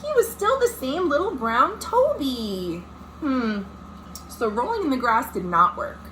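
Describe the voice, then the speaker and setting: A children's librarian reads a picture book aloud for storytime, addressing young listeners with dramatic emphasis in a high, very animated voice that's pushed, bright and a little slow. It's a noisy amateur recording from inside her home.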